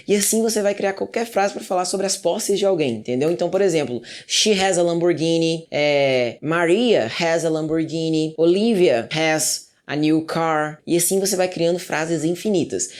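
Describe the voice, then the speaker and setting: An English teacher with a Brazilian Portuguese accent, giving a casual, reassuring video lesson and slowing down to drill example sentences. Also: medium pitch, a little mellow.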